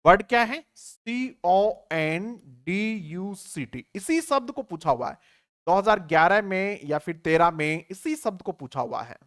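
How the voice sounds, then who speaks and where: A man's voice: high-pitched, very animated, normal speed, a bit bright. A man teaching an online exam-prep English lesson, who asks rhetorical questions, answers them himself and spells words out letter by letter. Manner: addresses students familiarly, checking understanding.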